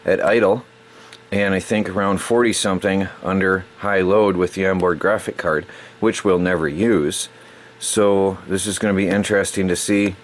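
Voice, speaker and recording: A man's voice: on the low side, slight background noise. A middle-aged man hosting a casual unboxing video, rambling and stumbling over words as he corrects himself. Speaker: tech channel host.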